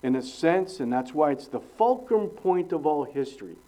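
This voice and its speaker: Middle-aged male preacher, earnest expository sermon delivery, mellow tone in a slightly raised register, emphatic swings between loud and hushed. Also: a little high, animated, normal speed, rough recording.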